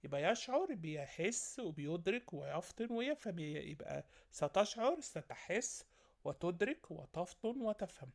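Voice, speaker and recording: A woman's voice: on the low side, big pitch swings, normal speed, gravelly, darkish tone. A woman with an Egyptian accent teaching a primary school vocabulary lesson. She lists synonyms and keeps checking in with her young pupils. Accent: Egyptian Arabic.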